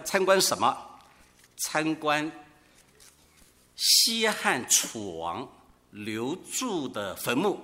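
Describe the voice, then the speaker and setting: Man, preacher, lively swinging pitch, bright tone, long hall echo, storytelling sermon. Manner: storytelling, rhetorical questions, animated. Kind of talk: sermon with anecdotes.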